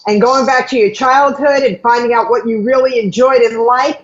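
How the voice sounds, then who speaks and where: A woman's voice: fairly high pitch, fairly even intonation, moderate pace, lo-fi sound. A woman in her fifties hosting a talk show, affirming her guest with enthusiasm. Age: 50s. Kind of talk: casual interview chat.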